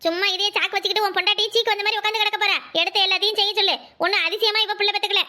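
A woman's voice: very high-pitched, fairly even intonation, very fast, exaggerated voice. A woman doing a nagging mother-in-law. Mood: scolding. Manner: sharp, nagging, sarcastic. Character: scolding older village mother-in-law. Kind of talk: cartoon voice acting.

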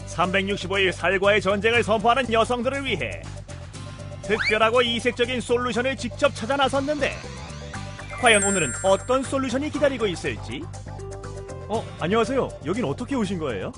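A man's voice: high-pitched, expressive, a little fast. A man narrating a TV magazine segment in a playful way, exclaiming and reacting with surprise. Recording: over loud background music.

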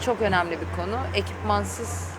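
A woman's voice: mid-range voice, moderate pace. A woman chatting casually as an interview guest, giving her opinions frankly. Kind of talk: casual outdoor chat interview. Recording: clear outdoor traffic and vehicle noise. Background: urban outdoor ambience with vehicles.

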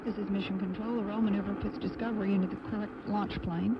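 A man narrates a flight live from mission control in a flat, formal tone. His voice has a creaky edge. The sound is slightly dull, with faint noise behind it. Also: high voice. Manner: formal, measured, even announcing. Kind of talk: live technical flight commentary.

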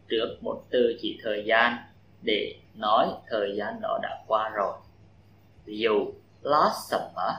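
A man's voice: lowish voice, bright, forceful tone, reverberant, highs cut off, slight background noise. Vietnamese man drilling English stress. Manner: slow, stressed model reading in English, quick explaining in Vietnamese. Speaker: English teacher. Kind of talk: classroom pronunciation drill.

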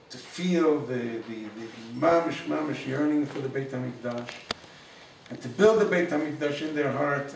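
A man giving an informal Torah class, telling a story warmly and mixing in Hebrew and Yiddish words. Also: medium pitch, gravelly, distant mic, slight background noise. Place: room in Jerusalem. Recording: echoey room, speaker away from the mic.

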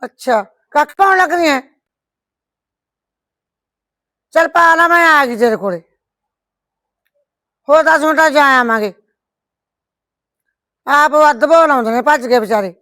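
A woman's voice: a little high, normal speed, long pauses, dry recording, natural voice. A middle-aged woman playing a firm, caring village mother who scolds and comforts her daughter in a rural family drama. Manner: scolding yet comforting, blunt.

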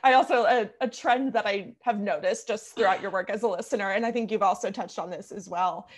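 A woman's voice: medium pitch, a little fast. Chatty young woman interviewer on a call. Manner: friendly, chatty, giggly, questions with fillers. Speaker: interviewer, music magazine editor. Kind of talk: casual video-call interview. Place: small room indoors. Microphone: video call, over-ear headphones.

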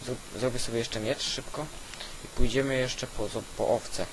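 A man giving casual, halting gameplay commentary, thinking aloud as host on an old weak microphone. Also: medium pitch, steady tone. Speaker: gaming video host. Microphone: old cheap weak microphone. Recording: constant hiss from weak microphone.

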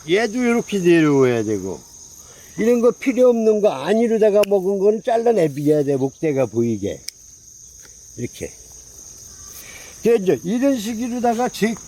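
In a low-quality recording with a little background noise, a pine tree grower with a high-sitting, mellow voice casually demonstrates pruning outdoors. He points at the branches as he goes, repeating his phrases in a folksy, repetitive style of explanation.

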